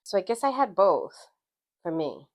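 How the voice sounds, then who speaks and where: A woman's voice: mid-range voice, very animated, unhurried. A middle-aged woman from Guatemala, a guest recalling her life in a reflective, storytelling way. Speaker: interview guest. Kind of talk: casual interview.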